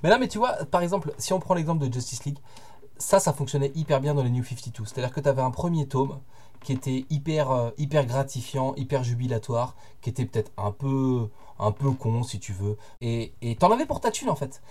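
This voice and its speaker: A man co-hosting a podcast, explaining his view in measured casual chat with hesitant fillers. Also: medium pitch, lively intonation, darkish tone. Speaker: podcast co-host.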